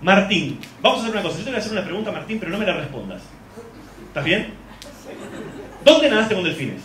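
A man's voice: high voice, very animated, fast. A man with an Argentine accent doing live stand-up comedy, brash and swearing, working the crowd on a club stage. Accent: Argentine Spanish. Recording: echoey club with loud crowd.

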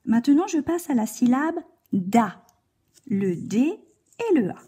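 Slow, patient woman teaching handwriting. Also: fairly high pitch, big pitch swings, mellow, breathy edge. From France. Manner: slow, patient step-by-step guidance, addressing a child. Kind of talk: handwriting lesson for children.

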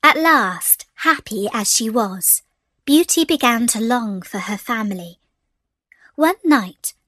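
A woman narrating a fairy tale for children in a gentle, expressive storybook reading. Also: fairly high pitch, dry recording.

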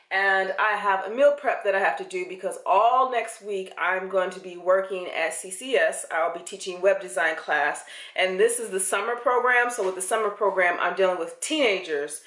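A young woman chats to a close camera in her home kitchen, rambling loosely and dropping plenty of ums and likes. Her voice sits at a middling pitch. The kitchen gives the sound a noticeable echo. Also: fairly bright tone. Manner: chatty, rambling, with many fillers. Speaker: fitness vlogger. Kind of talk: casual vlog chat. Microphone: camera held close.

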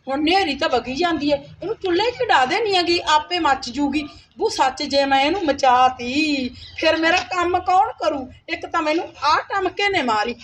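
Woman as a cruel scheming stepmother, high-pitched, taunting, wailing, with faint background noise. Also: fairly bright tone. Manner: taunting, scolding, wailing "haye haye". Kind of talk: Punjabi village skit acting.

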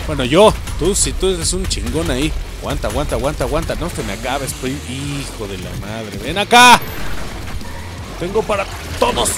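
A young adult man with a Mexican accent giving crude, excitable let's play commentary, yelling and swearing at enemies. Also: fairly high pitch, creaky. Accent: Mexican Spanish. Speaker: gaming channel host. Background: game music.

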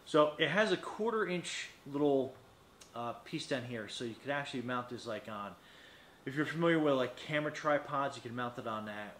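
Seated at a desk in a small studio with metal walls, a man in his fifties reviews a product in an unscripted, relaxed demo. His mid-range voice is a bit bright, and he rambles slightly while thinking aloud. Echo and faint noise are audible.

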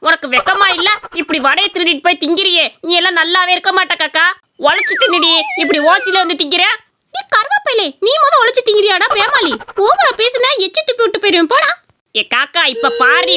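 A woman's voice: very high-pitched, animated, a little fast, background noise. A woman voicing a poor, cheeky young village boy who sells idlis in a cartoon story. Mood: scolding. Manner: cheeky and scolding, village Tamil.

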